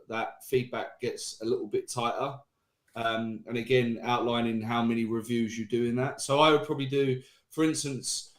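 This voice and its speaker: Lively, tipsy man in an echoey room. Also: medium pitch. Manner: steady and explanatory. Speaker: guest designer. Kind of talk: casual panel chat. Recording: roomy echoey sound.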